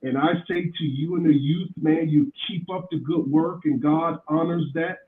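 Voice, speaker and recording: Guy on a stream call, his headset makes him sound all muffled and underwater, kinda high voice, echoey. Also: fairly even intonation, normal speed. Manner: encouraging, speaks blessings over the host. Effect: muffled, bass-only sound, as if underwater. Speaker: stream guest. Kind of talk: casual chat on a livestream. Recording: muffled phone-like line with room echo.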